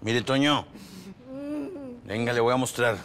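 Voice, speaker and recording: An actor playing a calm, menacing drug lord who mocks his captives and gives orders in a cool voice. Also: medium pitch, measured pace, noisy background, lightly acted. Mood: cold menace. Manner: coolly menacing, mocking.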